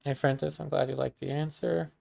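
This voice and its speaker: A man in his thirties from Maryland, USA, teaches painting on a casual livestream and chats with viewers, sounding relaxed and talkative. His voice is fairly high and fairly quick with some vocal fry, and he uses lots of ums and restarts while reading viewer comments and thanking people warmly.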